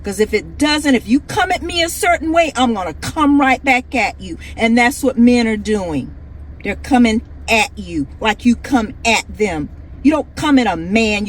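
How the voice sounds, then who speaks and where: High-voiced woman on a heated rant. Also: poor audio. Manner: scolding, combative, repeats her points. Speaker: vlogger.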